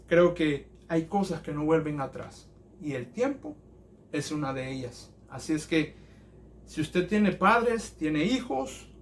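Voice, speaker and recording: Earnest high-voiced male preacher. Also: big pitch swings, slight background noise. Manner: earnest and measured, with hesitation fillers. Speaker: pastor. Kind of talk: sermon. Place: church.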